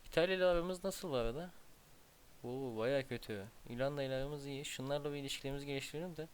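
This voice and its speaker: A man's voice: mid-range voice, rapid-fire, slight background noise. A man casually commenting on his strategy game as he plays, muttering to himself and breaking into exasperated outbursts. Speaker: gameplay commentator.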